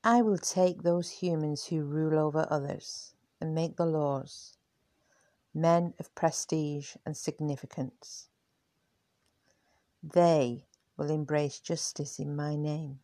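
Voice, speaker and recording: A woman's voice: low voice, fairly even intonation, slow, mellow, no echo. Zeus, a woman reading a stately king of gods. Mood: commanding. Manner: stately proclamation. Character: commanding male king of the gods.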